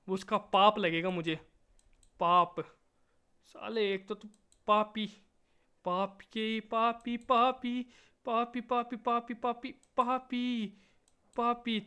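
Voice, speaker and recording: High bright voiced guy doing goofy gameplay commentary, sing-song chanting, playful scolding, clean smooth voice. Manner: silly rhyming chants and playful scolding of the game; excitable, stretches words into repeated chants.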